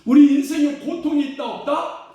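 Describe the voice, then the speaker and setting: A male pastor preaching a sermon, quizzing the congregation with questions and swinging between hushed and loud exclaiming. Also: very high voice, normal speed. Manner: call-and-response questions to the congregation. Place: church sanctuary. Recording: echoey church hall, distant mic.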